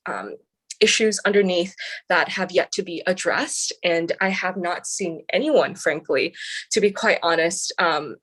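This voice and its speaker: Her voice is on the low side yet fairly bright. She is a young adult student senator from the San Francisco Bay Area, responding to interview questions in an earnest, articulate way with plenty of "um" fillers.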